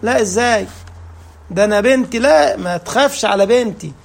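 A man's voice: high-pitched, a little fast, gravelly. A man with an Egyptian Arabic accent preaching, interpreting verses with rhetorical questions and joking asides. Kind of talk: sermon with Quran recitation.

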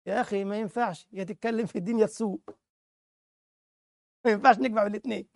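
Egyptian male preacher, quick and sardonic, mimics his targets, dry close-miked voice. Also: sits high, fairly even intonation, gravelly, no echo. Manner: sarcastic, mocking, mimics people he criticizes. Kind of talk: colloquial sermon talk.

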